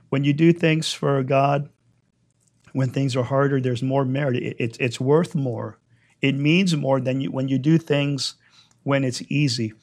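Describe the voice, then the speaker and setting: A man leading prayer and preaching a sermon, his voice hoarse while it recovers, given to emphatic repetition. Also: medium pitch, darkish tone. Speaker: congregation leader.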